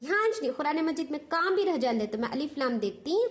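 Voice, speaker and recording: High-voiced Hyderabadi woman teaching patiently. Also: big pitch swings, a little fast. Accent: Hyderabadi Urdu. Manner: patient, repetitive, asks "understood?". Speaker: Quran recitation teacher. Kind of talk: step-by-step lesson explanation.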